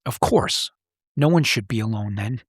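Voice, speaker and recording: A lowish, husky voice delivered animatedly at a moderate pace belongs to a middle-aged podcast host who used to be a police officer. He tells personal stories in conversation with a serious, plain-spoken, reflective air. The clean studio recording has no echo.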